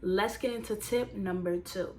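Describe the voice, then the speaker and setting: A woman in her twenties, casually telling a personal story to viewers and turning it into motivational advice, animated and talking straight to the audience. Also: mid-range voice, normal speed. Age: 20s. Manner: animated, conversational, addresses viewers directly. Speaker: vlogger.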